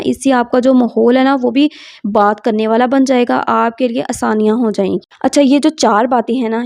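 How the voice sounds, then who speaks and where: Speaking straight to her viewers, an advice channel host gives relationship advice in a warm, fairly high voice with a gravelly edge. She explains with examples and poses rhetorical questions.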